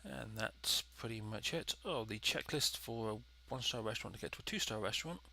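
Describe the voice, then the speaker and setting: A man's voice: lowish voice, fairly quick, vocal fry, bright, forceful tone. A man with a stuffy, nasal voice from a head cold, giving casual let's play commentary and thinking aloud as he goes. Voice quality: nasal, congested. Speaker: gaming video host.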